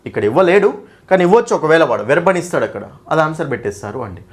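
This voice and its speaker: Guy teaching english grammar, rapid fire, keeps checking okay? right?. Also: fairly high pitch, very animated. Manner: asks questions and answers them himself, frequent "okay?" and "right?"; addresses students fondly as "nanna". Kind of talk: exam-prep grammar lesson.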